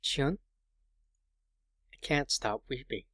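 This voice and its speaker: A man's voice: medium pitch, slow pace, pushed and bright, dry recording, clean studio sound. A man voicing worried classmates who anxiously check on a crying girl in a visual novel. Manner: anxious questioning.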